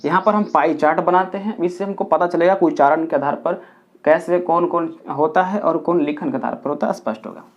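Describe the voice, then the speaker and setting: A man's voice: on the high side, brisk. A man teaching a grammar lesson at a board, counting aloud step by step and repeating key points for his pupils. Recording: dull lo-fi recording.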